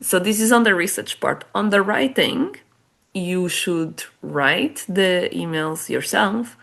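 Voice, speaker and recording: Speaking slowly in a low, creaky yet somewhat bright voice, a non-native English speaker with a Portuguese accent lays out her thinking during a relaxed interview. She is a guest author and business development head, and her chatty explanations are full of restarts and little laughs.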